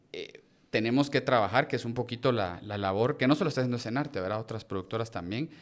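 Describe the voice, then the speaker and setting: A man with a Guatemalan accent, an actor and acting teacher, talking reflectively in a casual podcast conversation with frequent hesitations. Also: medium pitch. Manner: reflective, hesitant with many "eh" fillers.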